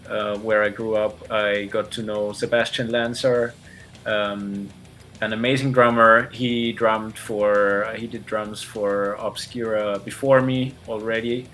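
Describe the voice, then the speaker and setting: A man's voice: lowish voice, flat delivery, takes it slowly, fairly bright tone, soft background music. A man, a guitarist giving casual interview answers over a video call, speaking hesitantly with many fillers. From Austria.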